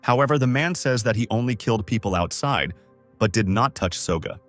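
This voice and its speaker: A man narrating a comic recap in a steady, scripted storytelling delivery. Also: medium pitch, brisk, soft background music.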